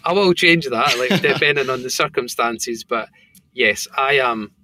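A man with a thick Scottish accent and a mid-range voice speaks at a measured pace in a sharp tone. He's a company founder appearing as a casual podcast guest, telling rambling stories packed with fillers.

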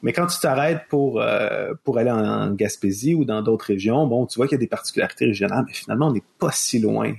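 A man's voice: on the low side, quick pace, creaky, few pauses, a little mellow. A man with a Québécois accent, hosting a casual discussion and thinking aloud with many restarts. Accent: Québécois French. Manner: thoughtful, many restarts and fillers.

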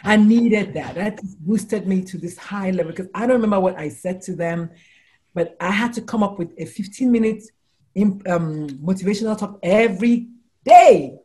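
A woman in her forties or older, a doctor and life coach from the United States, chatting casually in an interview and telling animated stories, with quotes acted out in high exclamations. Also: normal speed. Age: 40s or older.

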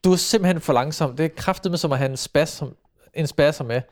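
Man, casual storyteller, slightly raised pitch, hesitant with frequent fillers. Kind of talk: casual chat.

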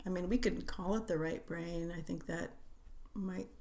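A middle-aged woman, a writer who is a guest on a podcast, talking reflectively in an unhurried, musing way with frequent hesitations. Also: on the low side, steady tone, vocal fry, darkish tone. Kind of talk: reflective conversational interview.

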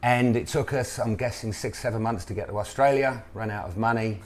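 Male interview guest, fifties, southern English accent, slightly deep voice, relaxed casual storyteller, matey. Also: fairly quick, a little hiss or hum. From Colchester, Essex, England. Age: 50s. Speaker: restaurant owner, interview guest. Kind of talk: casual chat, anecdotes. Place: restaurant pie kitchen indoors.

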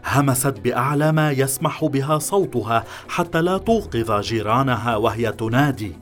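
Guy narrating a suspense story, measured and even, faint music behind. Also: mid-range voice.

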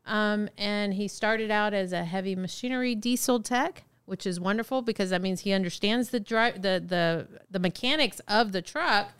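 A woman's voice: mid-range voice, normal speed, few pauses, fairly bright tone, clear, resonant tone, no echo. A woman co-hosting a podcast, teasing playfully and laughing a lot in casual chat. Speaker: podcast co-host.

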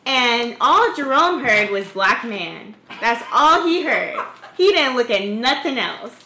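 A woman co-hosting a podcast, telling a story in a teasing, animated way. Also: on the high side, slow, reverberant, slight background noise. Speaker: podcast co-host and producer.

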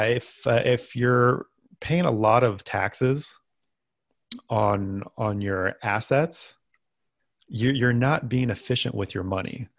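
A man's voice: mid-range voice, no echo. A man co-hosting a finance podcast, chatting casually with dry sarcastic asides and plenty of ums. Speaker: podcast co-host.

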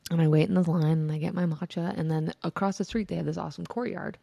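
Low, gravelly-voiced woman chatting. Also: steady tone, fast talker, warm tone, no echo. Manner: rambling, swears casually, giggly asides. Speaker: podcast co-host. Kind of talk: casual chat.

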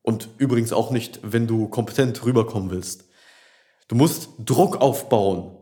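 A man's voice: mid-range voice, measured pace, dark tone. A man talking as a dating coach in a blunt, direct coaching monologue, speaking right to the listener. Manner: blunt, addresses the listener as du, repeats "und, und, und".

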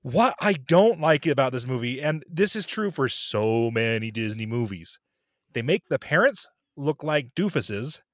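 A man's voice: medium pitch, a little slow, dry recording, clean studio sound. A man discussing a movie in casual chat, wry and critical, steering the talk with questions. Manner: animated, wry, critical, puts on quoted voices.

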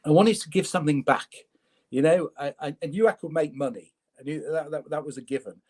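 A guest entrepreneur from Leeds, England, tells his career story conversationally, wry and self-deprecating, stammering and repeating himself. His voice is fairly high in pitch, brisk and darkish in tone.

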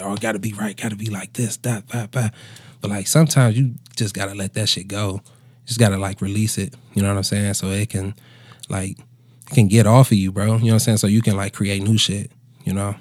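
A man's voice: fairly low pitch, little pitch movement, brisk, a little mellow, dry recording. A man in his twenties, a musician chatting casually in a laid-back, slangy bro manner with plenty of swearing. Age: 20s. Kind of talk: casual conversational storytelling.

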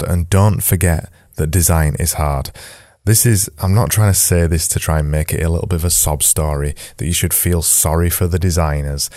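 A man's voice: sits low, mellow, no echo, studio quality. A man hosting a solo podcast, talking casually and correcting himself as he goes, sounding slightly nasal from a blocked nose. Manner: rambling, self-correcting, conversational. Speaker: podcast host.

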